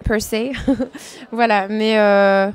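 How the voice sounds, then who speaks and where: A woman's voice: medium pitch, level tone, very slow, clean tone. A woman from France, a dancer being interviewed, talking casually and hesitantly, with many fillers.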